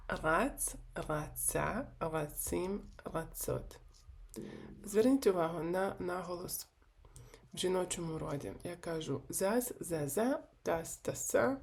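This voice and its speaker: A woman presents a video grammar lesson in a low, gravelly voice. She goes very slowly and deliberately and spells out each verb form in turn. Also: darkish tone. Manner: slow, deliberate, repeats verb forms one by one. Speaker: Hebrew language teacher.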